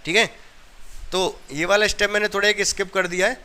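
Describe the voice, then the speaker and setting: Male maths teacher, from India, bright, clear voice, explains step by step, keeps checking that the class follows. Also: high-pitched, steady tone, a little fast. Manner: explains step by step, often asks students if they understood.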